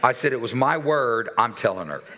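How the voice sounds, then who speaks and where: A man in his sixties preaching a sermon in a church, telling a story with animated quoted dialogue and dropping to a soft voice for serious points. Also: medium pitch, fairly quick, very noisy. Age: 60s. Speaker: pastor. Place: church sanctuary.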